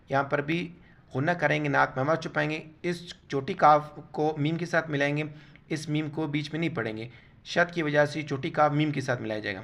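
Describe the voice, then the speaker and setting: Spelling out letters and vowel marks, a man guides learners through Quran recitation one word at a time, then stretches each recited word out slowly. His voice runs on the high side, a bit bright and creaky.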